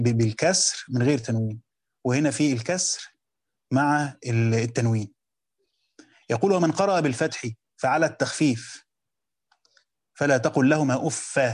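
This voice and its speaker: A man with an Egyptian accent teaching a lesson on a classical text, reading passages slowly and then explaining them in quick colloquial asides while quizzing his students. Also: medium pitch, a little mellow, slightly rough. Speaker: teacher of Quran commentary.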